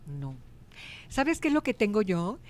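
A middle-aged woman with a Mexican accent, chatting as a guest and telling lively stories. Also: mid-range voice, unhurried. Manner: animated storyteller, acts out quoted voices. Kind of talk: casual interview chat.

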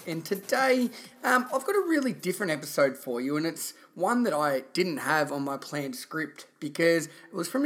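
Slightly high-voiced Australian man telling a story. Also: fairly bright tone. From country Victoria, Australia. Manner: informal, earnest, reflective. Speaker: podcast host. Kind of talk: personal storytelling monologue.

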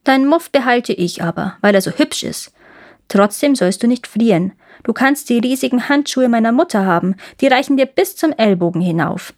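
Woman reading as a rough little robber girl, bossy and blunt, pitched a bit high, storybook style. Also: animated, normal speed, darkish tone.

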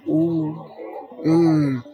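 A man's voice: a little high, level tone, dull audio, faint music behind. A young man with a Mexican accent, a guest telling stories in casual chat. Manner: slangy, unhurried storytelling.

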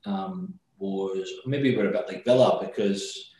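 Unhurried and mellow, a low-voiced executive from Glasgow, Scotland, answers questions in a remote interview. He thinks carefully and keeps restarting his words, all captured in a very echoey room.

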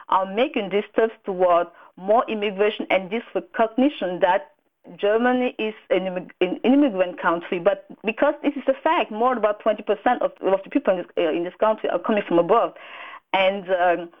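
A woman from Cameroon, a radio guest answering earnestly with many restarts. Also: mid-range voice. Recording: tinny phone line.

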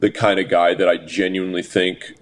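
Low-voiced man in casual podcast chat. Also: brisk. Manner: profane, animated storytelling. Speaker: podcast co-host.

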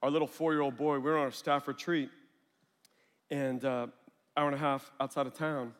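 A man in his thirties preaching a sermon as a storytelling pastor, lively and acting out family conversations. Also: mid-range voice, normal speed. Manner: animated, acts out family dialogue. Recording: long hall reverb.

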